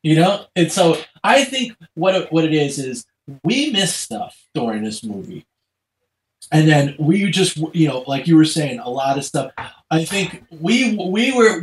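A man in casual, rambling discussion as a podcast panelist, recorded in an echoey room. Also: a little high.

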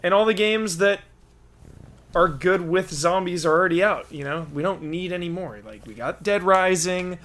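A man speaks as a panelist in a casual podcast chat. His voice is a little higher than average for a man. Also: normal speed, a bit bright.

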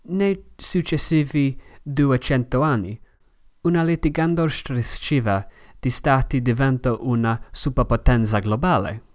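A man from Manchester, a native English speaker with an English accent in Italian, narrating a scripted podcast as host in halting learner's phrasing. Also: mid-range voice. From Manchester, England.

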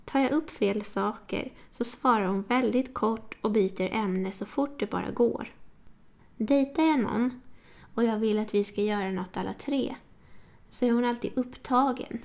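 A woman reads Sara, a young woman who turns defensive fast, in an audiobook. The voice sits a bit high, with a gravelly, fry-touched grain. She talks earnestly and plainly. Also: a little mellow. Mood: confiding.

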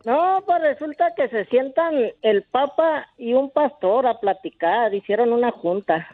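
A man's voice: very high voice, lively intonation, a little slow, no room sound, soft background music. A man calling in to a radio show and telling a joke, acting out the quotes as he goes. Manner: storytelling with voiced quotes. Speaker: caller. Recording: tinny phone line.

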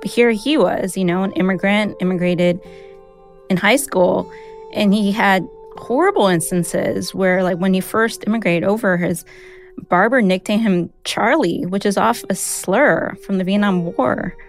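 With soft music in the background, a woman speaks unhurriedly in a mid-range voice. She's American, from the United States, with Mandarin as her first language, and she tells a personal story in an easygoing manner sprinkled with "like" and "you know."

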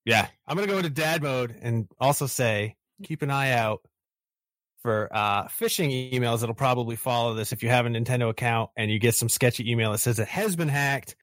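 A man's voice: medium pitch, a little fast, a bit bright, dry recording. A man co-hosting a casual podcast, joking as he gives warnings, his audio peaking into a garbled crackle. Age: adult, married. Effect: clipping, garbled, crackling mic audio. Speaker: podcast co-host. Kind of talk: casual panel chat. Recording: dry close mic with clipping distortion.

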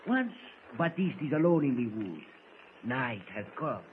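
Bragging french-canadian trail guide, lively singsong voice, dull old radio sound w/ faint hiss. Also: male voice, medium pitch, unhurried. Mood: boastful storytelling. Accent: put-on French-Canadian. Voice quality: broken English, theatrical storyteller. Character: boastful jolly French-Canadian male woods guide. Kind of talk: 1940s radio acting.

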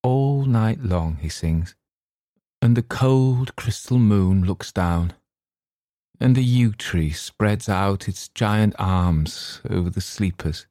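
A sorrowful, centuries-old ghost murmurs in a low, dreamy, faraway voice that drifts slowly, as a man reads him aloud in a storybook. His tone sits very deep. It is recorded close and dry, with no room sound. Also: lively intonation, mellow, dry recording. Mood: dreamy, longing. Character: weary centuries-old male ghost, sad and sleepless. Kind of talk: audiobook reading.

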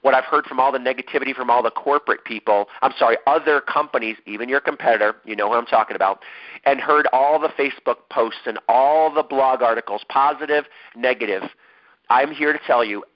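A man's voice: medium pitch, a little fast. Emphatic man coaching on a lo-fi call. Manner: emphatic, repetitive, urgent. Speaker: network marketing coach. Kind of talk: motivational webinar talk. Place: home.

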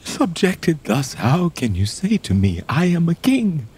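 A proud king brought low by despair. He speaks slowly in a husky, raised voice that rises and falls wildly, from hushed grief to bitter cries. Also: very animated, full character voice. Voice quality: husky, slow, swinging between hushed and cried out. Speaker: actor playing King Richard. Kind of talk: stage audio drama acting.

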